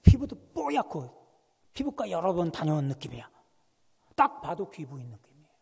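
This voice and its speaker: A man preaching a sermon as a guest pastor, telling a story with animated swings between hushed and loud delivery. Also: on the high side, normal speed, creaky, breathy edge. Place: church sanctuary. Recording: long church reverb.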